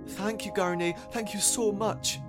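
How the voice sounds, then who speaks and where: A man voicing a gentle, hopeful young unicorn in a storybook, speaking high, excitable and earnest. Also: unhurried, loud music behind the voice. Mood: grateful.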